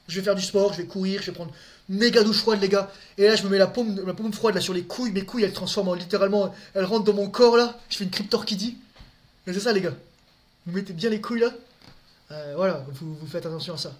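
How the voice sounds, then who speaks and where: A man with a noticeably high, fairly bright voice chats casually with his audience in a live session. He fields viewers' questions directly, his speech full of crude slang and stumbling restarts.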